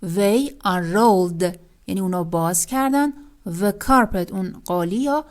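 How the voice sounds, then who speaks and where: A woman teaching English vocabulary, who reads each English example sentence very slowly and then explains it at a brisk pace. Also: medium pitch. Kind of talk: vocabulary lesson.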